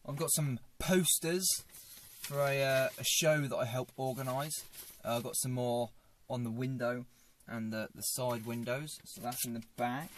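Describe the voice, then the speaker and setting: A young adult man with a mid-range, fairly even voice speaks a little slowly as he sits in his parked small car, giving a casual vlog tour of what he keeps inside. Filmed on a fixed dashboard camera, he's chatty, dry and self-mocking, and there's slight background noise.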